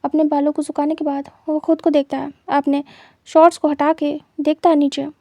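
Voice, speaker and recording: A woman reading a fanfiction story aloud in steady, even narration, mixing in English words. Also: high-pitched, fairly quick, dry recording.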